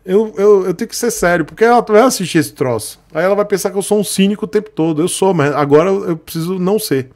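Speaking fast with hardly any pauses, this man has a high voice with a darkish tone. A Brazilian Portuguese-accented motorcycle vlogger, he casually rants to his live-stream chat, sarcastic and joking, laughing often.

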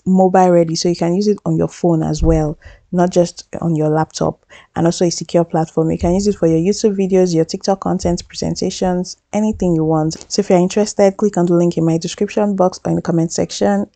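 A woman's voice: lowish voice, warm tone, dry recording. A woman hosting a tutorial, talking over a screen recording in a chatty, upbeat, reassuring way and often restarting her phrases. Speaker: tutorial host.

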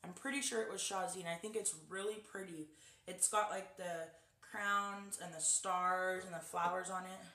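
A young woman vlogger unboxes a package in a small guest bedroom, chatting away and speaking directly to her viewers. Her lowish voice is pushed and bright, steady in tone and moderate in pace, recorded by a camera set a little far off in an echoey room.

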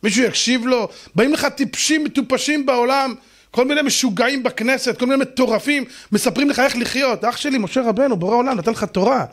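Israeli rabbi guy preaching, highish voice, fast rhetorical questions, teases the crowd, bursts out loud sometimes. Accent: Israeli Hebrew. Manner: animated, teasing, rhetorical questions, sudden shouts. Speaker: rabbi giving a lecture. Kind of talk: lively sermon to an audience.

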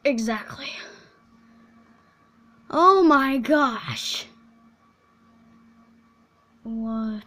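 A woman's voice: on the high side, lively intonation, drawn-out words, long pauses, sharp tone. A woman chatting casually with a friend while playing a video game, rambling and tripping over her words. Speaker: gamer recording a video.

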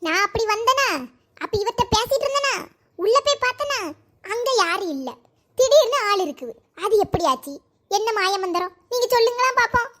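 A woman's voice: animated, a little fast, fairly bright tone. A woman voicing an anxious, chattering young village mother in a cartoon, with a Kanyakumari Tamil accent. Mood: puzzled. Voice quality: high, worried, talkative. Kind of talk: cartoon voice acting.

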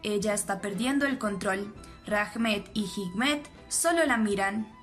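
A woman's voice: mid-range voice, measured pace. A woman steadily narrating an episode recap, reading the characters' lines plainly. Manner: steady storytelling, reads quotes plainly. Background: faint background music.

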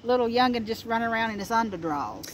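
A woman's voice: a little high, lively intonation, quick pace. A middle-aged woman with an Appalachian accent chatting casually outdoors and telling stories in a folksy way, repeating phrases for emphasis. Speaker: co-host. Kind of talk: casual chat and storytelling. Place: outdoors in a wooded yard. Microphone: camera a few feet away. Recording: outdoor recording with ambient noise.

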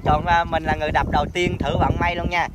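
A man's voice: a little high, little pitch movement, fast talker, very noisy. A young man with a Southern Vietnamese accent hosts a casual challenge vlog outdoors, explaining things in a repetitive, hesitant way. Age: young adult. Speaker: host of a challenge video. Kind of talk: casual vlog presenting and instructing. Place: open grassy field outdoors. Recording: loud music over outdoor speech. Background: loud music.

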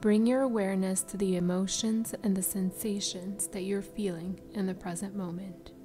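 A woman guiding a meditation in a soft, breathy spa voice that trails into whispers, soothing and unhurried. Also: medium pitch, fairly even intonation. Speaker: meditation guide. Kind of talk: slow guided meditation narration. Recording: music behind the voice. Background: background music.

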